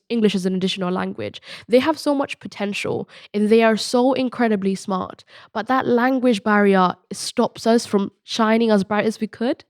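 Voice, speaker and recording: A woman's voice: medium pitch, clear, resonant tone, dry recording, clean studio sound. A young woman of eighteen, born in Bangladesh and raised in Spain, earnestly telling her story as a podcast guest, with many restarts and ums. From born in Bangladesh, grew up in Spain. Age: late teens. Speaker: podcast guest, student mentor. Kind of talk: podcast interview, personal story.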